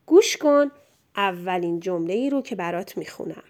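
A woman teacher giving a dictation lesson to young pupils, sounding out words slowly syllable by syllable in a patient, encouraging way. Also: fairly low pitch, animated, darkish tone.

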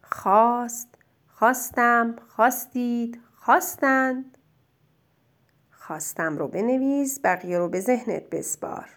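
A woman teaching a child spelling, dictating words slowly and clearly and praising their answers. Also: fairly high pitch. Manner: slow, drawn-out dictation of single words; gentle, encouraging teacher talk.

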